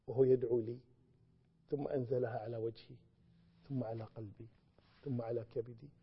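A man's voice: medium pitch, breathy edge. A man with a Gulf Arabic accent teaching Quran commentary, explaining and reciting phrases with growing emphasis. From Kuwait. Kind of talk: religious lesson, Quran commentary. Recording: long reverb, dull lo-fi sound.

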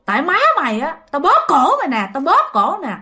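A woman's voice: high voice, huge pitch swings, fairly quick, pushed and bright, heavily acted. A woman voicing a tall, hairy, bald male ghost who spits repeated, menacing accusations. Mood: spiteful.

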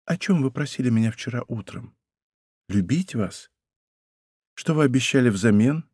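A frail young woman pleads in a hushed, quiet voice, as a male narrator puts her on. The sound is dry and close, a studio audiobook recording at a middling pitch. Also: animated, moderate pace, husky, dry recording. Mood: pleading. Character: fragile young woman, weak and despairing. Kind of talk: audiobook character voice. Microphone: close studio mic.

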